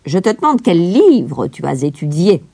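A woman's voice: on the low side, big pitch swings, unhurried, gravelly, mellow, breathy edge, no echo, exaggerated voice. A woman voicing a strict, haughty governess in a storybook, scolding and disdainful. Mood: cold, scolding. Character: stern, haughty female governess. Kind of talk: storybook reading. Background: music.

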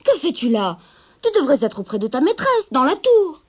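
A woman voicing an old woodcutter grandfather in a storybook, speaking in her own lively voice. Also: high voice, normal speed, pitched above the performer's own voice, lightly acted. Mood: scolding.

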